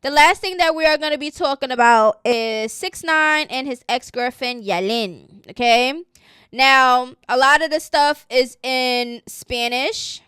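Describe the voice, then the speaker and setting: A woman's voice: high-pitched, measured pace, fairly bright tone, clean tone, no room sound, studio quality. A woman from New City, talking through celebrity gossip in a chatty, opinionated way that keeps tagging "okay?". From New York City. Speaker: gossip commentary host. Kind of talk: casual celebrity gossip commentary.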